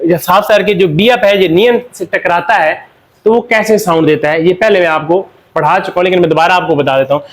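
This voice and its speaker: A man with a Pakistani Urdu accent teaching a Korean pronunciation lesson. He asks questions, answers them himself, and slows down to spell out the example words. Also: high-pitched. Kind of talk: classroom lesson explanation.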